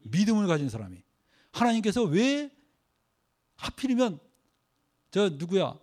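A man preaching a sermon, quizzing his congregation with rhetorical questions and leading them through scripture readings, swinging between loud emphasis and quiet asides. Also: high voice, very animated, unhurried. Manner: leads group scripture reading. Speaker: pastor.

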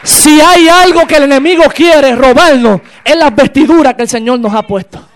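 A man preaching a sermon in church, impassioned and building to shouted exclamations. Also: very high voice, moderate pace, some chatter behind.

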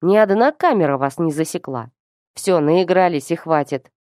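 A woman reading a story who voices a suspicious old man interrogating two youngsters in a curt, sharp manner. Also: fairly low pitch, animated, normal speed, no echo, clean studio sound, lightly acted. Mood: angry scolding.

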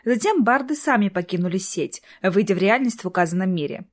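A woman narrating a fantasy audiobook in an even, expressive reading. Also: medium pitch, fairly quick.

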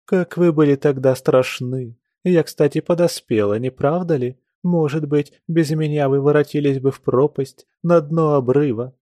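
A man's voice: fairly high pitch, normal speed, hardly any pauses, dark tone, dry recording, clean studio sound, pitched above the performer's own voice, close to an everyday voice. A man reading an audiobook, voicing a prying, coquettish society lady who coaxes and insists, eager for gossip. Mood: coaxing, prying.

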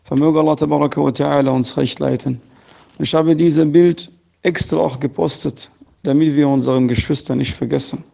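Man preacher, recorded voice message, gravelly, mellow, urgent and earnest. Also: on the high side, steady tone, normal speed. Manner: earnest, urgent exhortation to the faithful. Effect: leaving a recorded voice message. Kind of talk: spoken voice message sermon.

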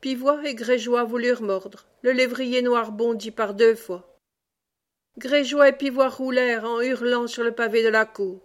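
A woman reading a classic novel aloud as an audiobook narrator, in measured storytelling. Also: fairly high pitch, steady tone. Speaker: audiobook reader.

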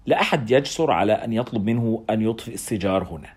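A man tells a story aloud with dramatic flair. His voice is husky and quick, and his pitch rises and falls in lively swings. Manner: dramatic storytelling, first person. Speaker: narrator. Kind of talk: audiobook narration.

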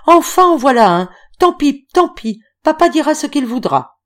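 A woman reading an audiobook voices a spirited, ingenuous young woman who speaks in bright, playful exclamations. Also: mid-range voice, sing-song, normal speed, close to an everyday voice. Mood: exclaiming.

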